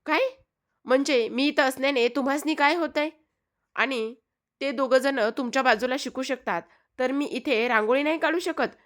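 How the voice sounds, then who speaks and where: A woman's voice: moderate pace, a bit bright, lightly acted. A woman doing a spirited young girl. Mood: defiant. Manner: high, insistent and argumentative.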